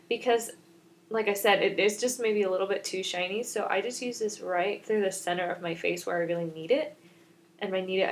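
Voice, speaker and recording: With a medium-pitched voice, a young woman in her twenties who vlogs about beauty walks through her makeup routine step by step. She talks in a meandering, self-deprecating manner.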